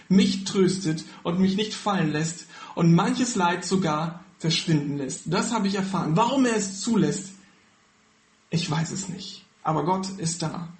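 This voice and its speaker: A man's voice: sits high, roomy sound. A man preaching a sermon on a Bible passage, earnest and personal, speaking directly to his listeners.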